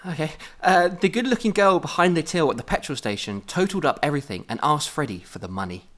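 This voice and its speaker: A man's voice: on the high side, lively intonation, fast talker. A man co-hosting a comedy podcast, reading a story aloud with giggly self-mocking asides.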